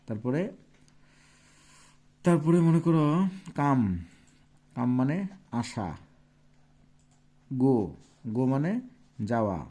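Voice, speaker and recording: A man's voice: mid-range voice, warm tone. Male tutor spelling words letter by letter. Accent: Bangladeshi Bengali. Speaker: teacher. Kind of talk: classroom lesson.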